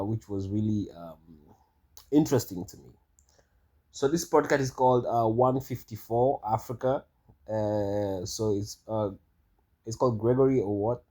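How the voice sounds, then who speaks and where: A man's voice: medium pitch, unhurried, darkish tone. A man giving casual monologue commentary, rambling and hesitant with many fillers and restarts. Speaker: vlogger.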